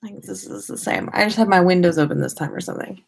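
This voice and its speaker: Fairly low and quick, with vocal fry, the voice belongs to an American podcast host livestreaming from her own room. She sounds tired, rambling casually and playfully while dropping sing-song asides.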